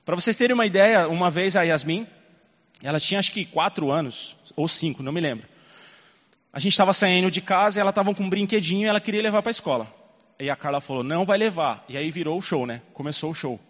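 A male pastor preaching a sermon and telling a personal story, moving between hushed and loud passages. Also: high voice, lively intonation, quick pace. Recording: long reverb, dull lo-fi sound.

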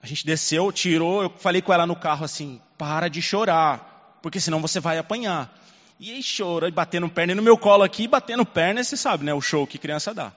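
A male pastor preaching a sermon and telling a personal story, moving between hushed and loud passages. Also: high voice, fast, few pauses. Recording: long reverb, dull lo-fi sound.

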